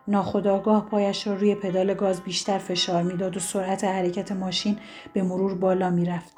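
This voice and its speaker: A woman reading a story aloud in steady, scripted narration. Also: medium pitch.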